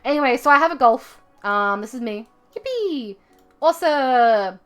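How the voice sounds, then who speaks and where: A young woman chats to her live stream as she sketches. Her voice sits a little high, and she wanders through her story with plenty of fillers and asides. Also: expressive, normal speed, a bit bright, smooth. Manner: rambling, with many fillers and asides. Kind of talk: casual storytelling while drawing on stream.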